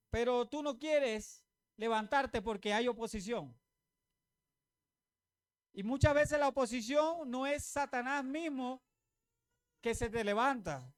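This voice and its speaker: Smooth-voiced woman pastor preaching. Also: on the high side. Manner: calls on congregation to repeat, asks rhetorical questions; homely examples, teasing humor. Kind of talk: sermon.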